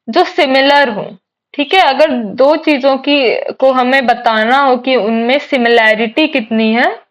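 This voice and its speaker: Slow, patient woman teacher. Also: high voice, poor audio. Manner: patient, explains step by step, often checks "theek hai?". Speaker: English teacher. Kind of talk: online exam-prep lesson.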